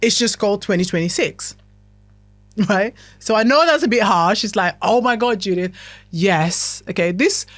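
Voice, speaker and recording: A woman's voice: mid-range voice, lively intonation, normal speed, fairly bright tone, dry recording. A woman hosting a podcast, giving a motivational self-help talk in a chatty, talkative way that keeps checking in with the listener. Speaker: podcast host.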